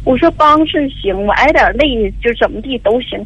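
Older woman caller, husky voice on a muffled phone line, rambling through her story. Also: sits high, lively intonation, normal speed, no room sound. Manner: tearful, rambling storytelling with many fillers. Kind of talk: call-in advice radio.

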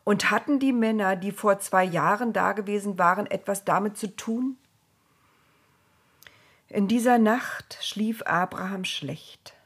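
Woman, storyteller, breathy voice, slow and measured. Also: mid-range voice. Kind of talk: children's story reading.

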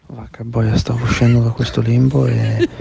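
A man speaking wearily in a gravelly voice on a low-quality played voice message. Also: flat delivery, normal speed, mellow, a little hiss or hum. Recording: muffled lo-fi voice message.

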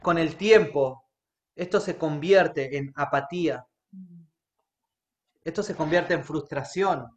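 A man's voice: on the high side, slow pace, pauses often. A man preaching a sermon as a pastor, earnest and often checking in with his listeners. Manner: earnest, checks in with the congregation by asking "right?" again and again. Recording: echoey room.

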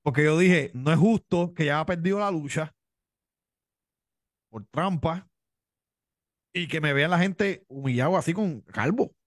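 A Cuban pro wrestler tells his story in an interview, speaking with a Cuban accent, boastful and tough and often repeating himself. His voice is fairly high and a little slow, with long pauses. The sound is studio quality with no echo.

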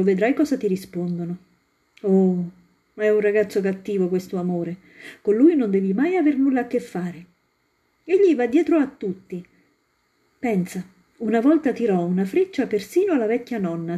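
A woman reading a storybook aloud in a calm, expressive narrating voice. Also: medium pitch.

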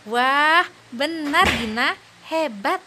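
Her voice sits high with lively intonation as she plays an upbeat young mother in a scripted kids' audio drama. She slows down for her two little girls, patiently encouraging and praising them, over background noise.

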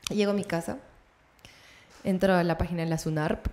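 A young woman with a Peruvian Spanish accent telling a road story in casual chat, animated and often laughing. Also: on the low side, a little fast. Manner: animated, laughing, acts out voices in her anecdotes.

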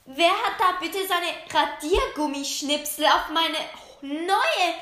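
A woman's voice: very high voice, expressive, slow pace, pushed and bright, full character voice. A girl voicing a snooty mean schoolgirl with a drawling, snippy manner. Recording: roomy echo.

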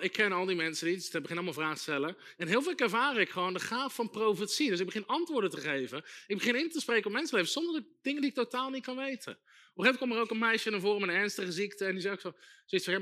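Preacher guy, real high lively voice, hammers lines over and over, gets loud. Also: racing. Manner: emphatic, repeats key phrases, builds to loud exhortation. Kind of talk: sermon.

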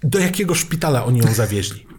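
A man in casual film talk, explaining things in a wry, drawn-out way. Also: medium pitch, expressive, a little mellow, slightly rough.

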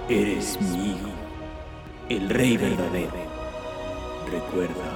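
A man voicing a stern, wise king lion who speaks to his son in a grave, measured way. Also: fairly low pitch, heavily acted. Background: film score.

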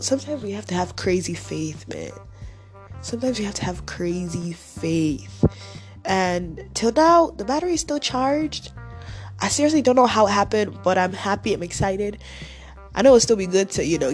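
A woman's voice: mid-range voice, darkish tone. A young woman from Nigeria hosting a casual faith-based podcast, chatty and upbeat, with an early-morning voice, talking straight to her listeners. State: early-morning voice, just woken up. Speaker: podcast host.

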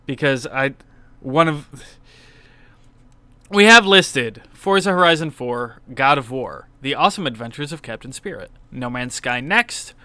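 Bright, clear-voiced man talking games. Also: mid-range voice, animated, unhurried, no room sound. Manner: candid, swears casually, enthusiastic asides. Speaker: podcast co-host. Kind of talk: casual game-awards discussion.

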